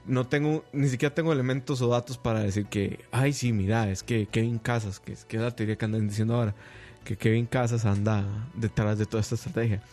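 A man's voice: mid-range voice, steady tone, fast, mellow, soft background music. Blunt Costa Rican man, casual chat. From Costa Rica. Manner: blunt, emphatic. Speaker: podcast host.

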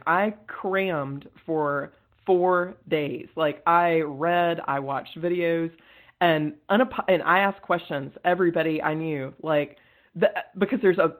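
A woman talking as a guest on a podcast, in an earnest, energetic way and quick to laugh. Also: lowish voice, rough recording. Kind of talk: casual interview conversation.

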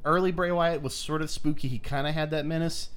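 A man's voice: on the high side, fairly even intonation, fairly quick, a bit bright, smooth. A man co-hosting a wrestling review in casual comedic chat, with a wry, sarcastic manner. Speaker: wrestling review show co-host.

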